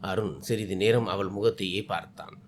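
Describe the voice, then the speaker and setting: A man narrating an emotional story in an expressive, dramatic reading. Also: low-pitched, moderate pace. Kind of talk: scripted narration.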